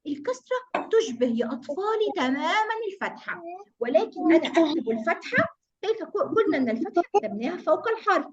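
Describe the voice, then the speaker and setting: High, sing-song teacher. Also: female voice, very animated, fast, muffled recording, a crowd in the background. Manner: affectionate, sing-song, encouraging. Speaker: kindergarten teacher. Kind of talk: online class for small children.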